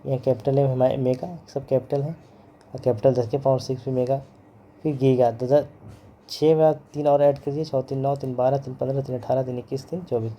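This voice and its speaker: A man's voice: mid-range voice, little pitch movement, a little fast, muffled recording. A man teaching physics in a lecture, repeating each term and its pronunciation over and over, mixing English terms into his Hindi. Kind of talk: classroom lecture.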